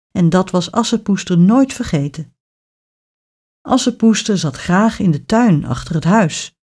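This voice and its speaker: A woman narrating a children's fairy tale in an expressive storytelling manner. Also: mid-range voice.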